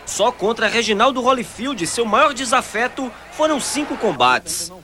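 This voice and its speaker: A man from Brazil narrating a sports news report with an animated, storytelling delivery. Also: very high-pitched, a little slow, a little hiss or hum.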